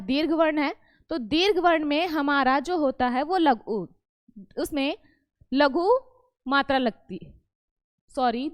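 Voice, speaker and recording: A woman teacher walks her class through the rules of verse meter, stating each point and then quizzing the students on it. Her voice sits high. The recording is dry and close, with no room sound. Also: a bit bright, dry recording. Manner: repeats each point and asks the class questions back; self-correcting, explains patiently. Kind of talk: classroom lesson on Hindi poetry meter.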